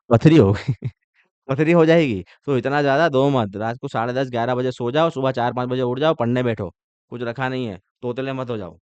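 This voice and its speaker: A man's voice: mid-range voice, darkish tone, clear, resonant tone, dry recording, highs cut off. A man teaching company law in a joking lecture style, teasing the class and firing off rhetorical questions.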